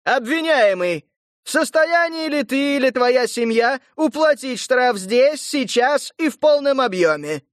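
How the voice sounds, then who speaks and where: A man voicing a male court herald who bellows proclamations in a shrill, ringing voice. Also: animated, measured pace, no room sound, clean studio sound. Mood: proclaiming. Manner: shrieking, booming proclamations.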